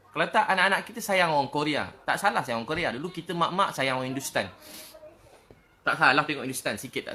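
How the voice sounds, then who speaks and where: A Malaysian-accented man preaching with quick, rushing delivery. He speaks earnestly and emotionally, circling back over the same phrases again and again. His voice is pitched a little high and rings bright. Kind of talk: emotional sermon talk.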